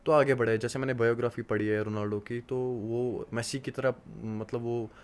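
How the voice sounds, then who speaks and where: A man's voice: mid-range voice, little pitch movement, moderate pace, clean tone. A man in his twenties from Kashmir, a podcast guest, talking about hard work in an earnest, motivational way with many hesitant fillers. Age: 20s. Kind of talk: casual interview talk.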